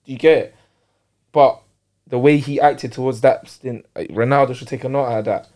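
A man's voice: mid-range voice, steady tone, fairly quick, a little mellow. London roadman football panellist, slangy man. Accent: London, urban roadman. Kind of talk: casual football debate, street slang.

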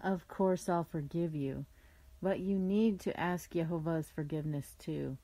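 A woman voicing a caring mother in a children's story, speaking calmly in a low, gently firm tone. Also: measured pace, dry recording.

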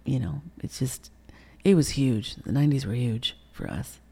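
Brief: middle-aged woman, mellow gravelly tone, candid interview guest, emotional, swears, acts out quotes. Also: a bass voice, moderate pace. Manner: emotional, profane, re-enacts quotes with sudden loud bursts.

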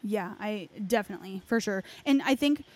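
On a podcast, a woman chats casually about game lore in a medium-pitched, animated voice at a brisk clip. Her phrasing is loose and hesitant, peppered with "like" as a filler.

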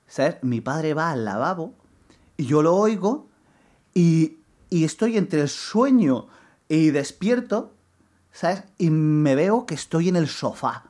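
A young man chatting on a podcast, rambling through his own stories. He stumbles and restarts often, then jumps into lively retellings, voicing the people in his story. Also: a little high, slow pace. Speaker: podcast co-host. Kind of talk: casual chat, storytelling.

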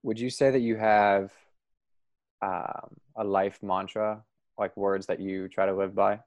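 A man hosting a podcast interview, talking in a relaxed, rambling way and laughing easily. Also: on the low side, a little slow, dry recording, highs cut off. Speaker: podcast host. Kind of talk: casual interview chat.

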